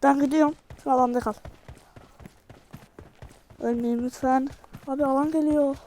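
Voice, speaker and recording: High-voiced excitable woman gaming. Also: moderate pace, slight background noise. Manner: excitable, yells at teammates, slangy. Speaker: mobile game streamer. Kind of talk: live gameplay commentary.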